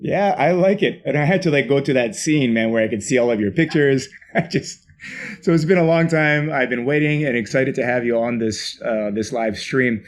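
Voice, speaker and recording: A man's voice: mid-range voice, moderate pace. A man hosting a casual live stream from his home office, chatty and rambling, laughing often. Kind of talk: casual chat.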